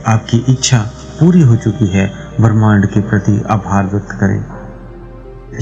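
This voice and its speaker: Calm, low-voiced man with soft music. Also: rough recording. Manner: calm, measured, instructive. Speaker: meditation channel host. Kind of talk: explanatory talk on a meditation practice.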